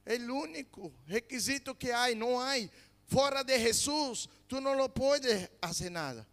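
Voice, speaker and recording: Fervent high-voiced preacher. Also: male voice, expressive, moderate pace, big-room sound. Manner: fervent, swings from loud emphasis to low quiet asides. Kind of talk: sermon.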